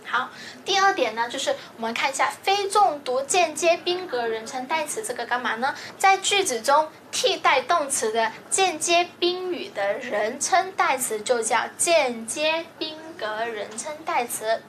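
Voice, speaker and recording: A woman with a high voice teaches a grammar lesson. She explains patiently, one step at a time, and keeps checking that her students follow. A faint background hum sits under her voice. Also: animated, a little slow, a bit bright. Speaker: language teacher.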